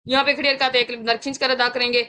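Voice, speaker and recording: In a high, level voice that sounds pushed and bright, a Pakistani Urdu-accented woman leads a tajweed lesson with slow chanted recitation. She explains each Quran recitation rule and patiently repeats sounds several times so students can copy her.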